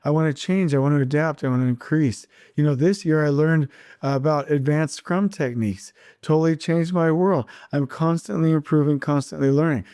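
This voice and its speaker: A man's voice: on the high side, a little fast, mellow, clear, resonant tone, no room sound, clean studio sound. A man hosting his own podcast, talking alone with strong feeling, repeating words for emphasis and restarting his sentences as he goes. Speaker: podcast host. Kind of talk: solo podcast monologue.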